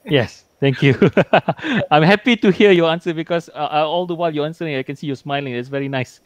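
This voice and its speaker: A man's voice: a little high, a little fast, no room sound. A man chairing a conference session on a video call, polite and friendly, with frequent hesitations. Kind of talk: moderating a conference Q&A. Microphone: video call webcam.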